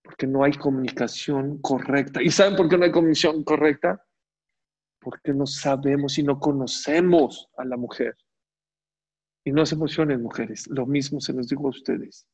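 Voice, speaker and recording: This man, a Torah teacher, has a mid-range, slightly rough voice with a touch of mellowness, and his intonation stays fairly even at a normal speed. His religious lecture leans on rhetorical questions and repeated phrases for emphasis, captured in a dull, somewhat muffled recording.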